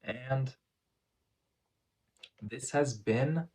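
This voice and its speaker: A man talking casually in a first-person vlog recap, phrasing things in a measured, deliberate way with pauses. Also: mid-range voice, darkish tone. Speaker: vlogger.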